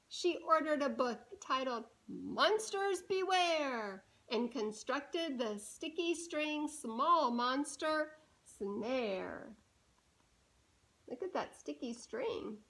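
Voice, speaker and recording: Her high-pitched voice carries a picture-book reading for little ones, lively and measured, with pauses where she asks the children questions.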